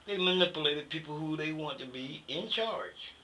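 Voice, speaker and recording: An older American man, a Vietnam War veteran, looks back on his experiences in a conversational interview, speaking bluntly and colloquially with emphatic opinions and plenty of "you know." His voice is on the high side, bright and forceful, at a normal speed. The recording is rough, with faint background noise.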